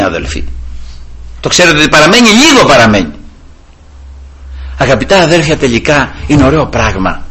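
A man preaching a sermon who keeps addressing his listeners as brothers and breaking into praise of the Lord. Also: medium pitch. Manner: animated storytelling, repeatedly addressing "brothers" and praising God.

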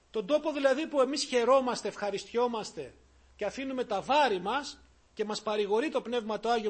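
Husky male preacher, high-pitched, fervent sermon delivery with sudden loud calls and quiet asides. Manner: impassioned, swings between loud calls and low murmurs.

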